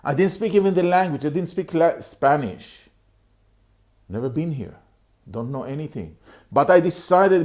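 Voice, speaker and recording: In a mid-range voice with a darkish tone, a middle-aged man from Israel tells the camera his life story. He's a motivational speaker, and his delivery is sincere yet halting, full of repeated and restarted phrases.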